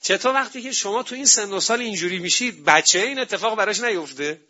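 A man giving an animated public talk on parenting and family, telling stories and acting out what people say. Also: high-pitched. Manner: animated storytelling, acting out quotes. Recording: dull lo-fi recording.

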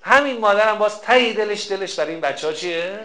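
Bright-voiced man preaching in an echoey room. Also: high voice, expressive. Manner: slow, drawn-out recitation of prayer lines; swings between soft passages and loud emphatic pleas. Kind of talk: sermon on a prayer text. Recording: roomy echo.

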